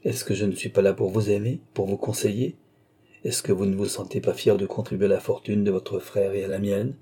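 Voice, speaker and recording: A vain old baron schemes with dry irony and cold command, as a man voices him in a storybook reading. The voice is low and dark with a husky edge. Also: flat delivery, brisk. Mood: coaxing. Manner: ironic, coaxing, commanding.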